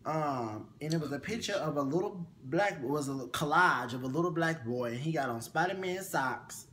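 Sassy and animated at a moderate pace, this young man co-hosts a laid-back chat show, his pitch leaping upward. The small bedroom he records in carries slight background noise.

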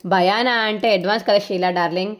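A cheeky young man full of sarcasm and jokes, voiced by a woman telling the story. His teasing is delivered in a middle-pitched voice. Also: steady tone, fairly quick, close to an everyday voice. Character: mocking playful young man, joker son.

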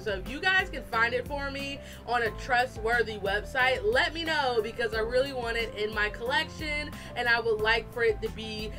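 A woman artist giving a chatty, animated, self-deprecating casual voice-over for a drawing video. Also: a little high, normal speed, hardly any pauses. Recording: fan blowing nearby, slightly distorted, music behind. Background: music and a fan running.

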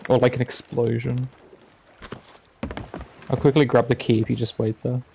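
Young guy with a creaky, gravelly voice; playful, teasing co-op game streamer. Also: medium pitch, flat delivery, normal speed, dark tone, slight background noise. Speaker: streamer playing with a friend. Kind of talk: casual gaming chat.

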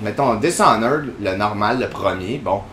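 A man's voice: on the low side, lively intonation, normal speed, a bit bright, reverberant, a little hiss or hum. A man with a Quebec French accent, hosting casual gameplay commentary in a chatty, rambling way full of fillers. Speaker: gaming channel host.

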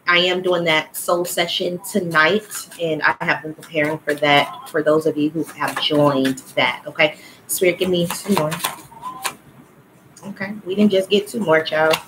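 Brief: a woman with a lowish voice doing a casual, profane spiritual card reading for a live audience. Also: steady tone, moderate pace, noisy background. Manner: casual, blunt, swears freely; calls listeners child and y'all. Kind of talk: livestream oracle card reading.

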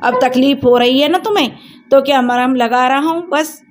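A woman's voice: high voice, moderate pace, slight background noise, lightly acted. A woman voicing a brusque young village man who scolds but cares. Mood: gruff.

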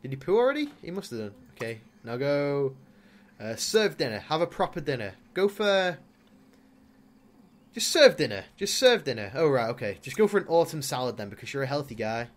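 A young man, a gaming YouTuber, offers loose, joking Let's Play commentary over his game in an ordinary mid-pitched voice. He talks fast and chatty, coaxing his Sim along with sudden loud exclamations and big swings in pitch.

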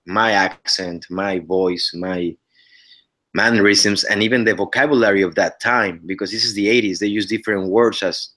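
On a webcam video call from his living room, a Mexican actor in his thirties chats as a guest in a casual interview. English is his second language, and he has a Mexican Spanish accent. His fairly low, fairly bright voice keeps a fairly even intonation at normal speed, and he speaks earnestly, frequently starting sentences over.

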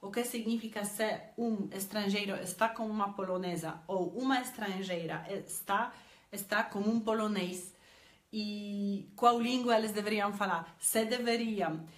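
This Polish woman in her thirties teaches languages and speaks with a Polish accent, her mid-range voice a little slow in a roomy space. She's recording a casual vlog on her phone in a small indoor room, filling it with hesitant "eh" sounds and repeated words.

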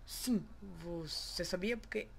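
A man's voice: high-pitched, slow, fairly bright tone, slight background noise. Playful Pernambuco-accented male vlogger. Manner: playful, self-mocking, slangy. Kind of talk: casual solo vlog talk.

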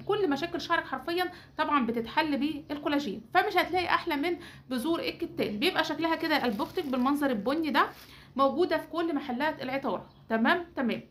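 An Egyptian woman rattles through a hair-care recipe at breakneck speed. Her voice sits high, and her tone is chatty and teasing. She talks to her viewers like sisters while she guides them step by step. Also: fairly bright tone. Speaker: beauty channel host.

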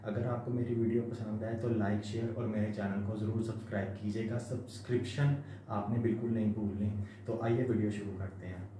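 A man's voice: lowish voice, steady tone, brisk, dark tone, slight background noise. A man talking through a face mask as he hosts a casual unboxing vlog, dropping English phrases into his chat. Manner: chatty, mixes English phrases into Urdu. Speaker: vlogger. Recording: roomy echo.

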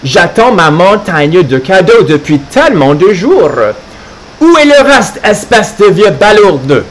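A man voicing a greedy, grumpy little male pug dog with whiny, demanding shouts in a children's storybook read-aloud. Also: high voice, sing-song, takes it slowly, full character voice, rough recording. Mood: grumbling.

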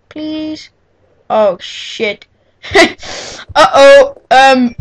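A teenage girl chatting and giggling through a casual computer tutorial on a cheap microphone at home. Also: high-pitched. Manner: giggly, chatty, exclaims often. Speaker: tutorial maker. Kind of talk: casual screen-recorded tutorial.

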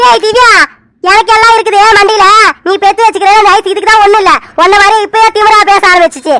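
A woman voicing Kala, a sharp scolding aunt. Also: extremely high pitch, fairly even intonation, fast, no room sound. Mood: angry scolding. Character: quarrelsome scolding aunt in a joint family. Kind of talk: homemade animated family drama.

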